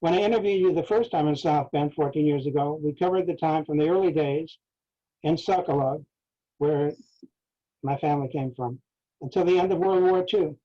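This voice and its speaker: A patient interviewer explains and reassures in a plain, steady way, as a man reads the part. His voice is mellow and a little high. The sound is dull and lo-fi. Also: normal speed, natural voice. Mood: explaining. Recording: dull lo-fi recording.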